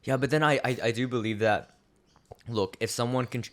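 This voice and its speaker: Brisk and mid-range, this voice belongs to a young adult man from Australia co-hosting a podcast. His talk is relaxed and thoughtful, wandering through lots of filler words.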